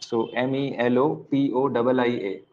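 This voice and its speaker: Slow-dictating Indian male teacher. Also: medium pitch, fairly even intonation, narrow, tinny audio. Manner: slow dictation, spelling words out letter by letter and repeating key lines; mixes Hindi and English. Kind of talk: online exam-prep lecture.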